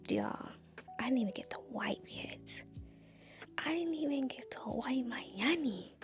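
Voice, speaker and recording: With faint music playing behind her, a young Nashville, Tennessee vlogger tells viewers a personal story in a high, animated voice at a measured pace. She's chatty and confiding, calling out to them often and repeating "y'all".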